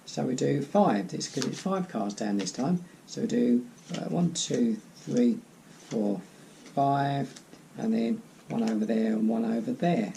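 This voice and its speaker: Man doing gravelly card magician patter. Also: medium pitch, a little slow, mellow, a little hiss or hum. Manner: rambling, repeats phrases, self-deprecating asides. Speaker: amateur card magician, channel host.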